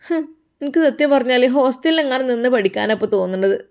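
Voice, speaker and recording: A tearful, accusing young wife from a storybook, as a woman puts her on, whining in a Malappuram Malayalam accent. Her voice sits high and soft, quick to protest. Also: lively intonation, smooth. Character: young complaining daughter-in-law, woman.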